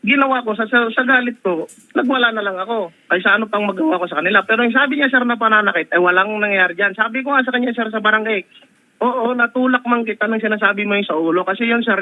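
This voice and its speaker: A man's voice: high-pitched, fast. A man on a phone call, answering a complaint defensively and calling the host "sir" again and again. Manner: defensive, repeatedly saying "sir". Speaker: husband responding to a complaint. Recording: tinny phone line.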